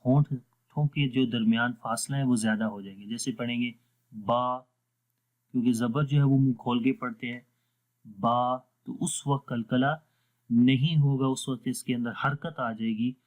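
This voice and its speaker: A man gives an online lesson on Quran recitation rules. His voice sits at an ordinary middle pitch. He explains patiently and step by step, slowing right down to model each recited word. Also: fairly even intonation, phone-quality sound.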